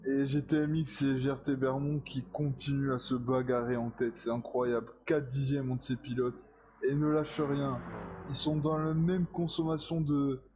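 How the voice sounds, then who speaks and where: A man's voice: mid-range voice, level tone, normal speed, a little mellow. A man giving live analysis as a motorsport commentator on a sim race, on a lo-fi, noisy recording. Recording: dull lo-fi sound, clear noise.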